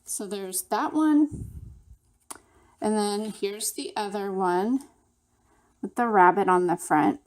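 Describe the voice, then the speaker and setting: Slow, easygoing woman showing her crafts. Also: medium pitch. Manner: relaxed, unhurried, chatty step-by-step explaining. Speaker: craft channel host. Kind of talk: casual show-and-tell of a handmade project.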